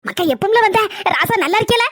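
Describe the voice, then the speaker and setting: A weepy, melodramatic old village mother-in-law, played by a woman in a comedy sketch. Her voice is very high, bright and quick. She talks with doting, tearful affection, and the sound is dry and close. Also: animated, no room sound.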